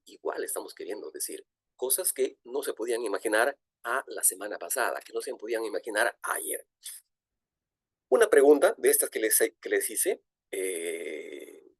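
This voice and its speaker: A middle-aged man, lecturing at a virtual conference, lively and full of fillers and restarts. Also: fairly low pitch, moderate pace, husky, no echo, clean studio sound. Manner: animated, frequent fillers and restarts. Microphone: video call.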